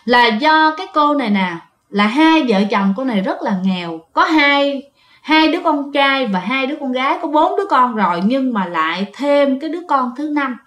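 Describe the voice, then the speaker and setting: High-voiced woman, chatty ghost-story narrator, echoey room. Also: animated, a bit bright. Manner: chatty, addresses listeners often with drawn-out fillers. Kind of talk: casual storytelling to listeners.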